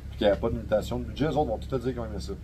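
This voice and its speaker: A young man with a Québécois French accent tells his stories as a podcast guest, full of slang and swearing. His voice sits in a middle pitch, and a faint hiss runs under the recording. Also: racing, rough recording. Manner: slangy, profane, animated storyteller. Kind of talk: casual storytelling chat.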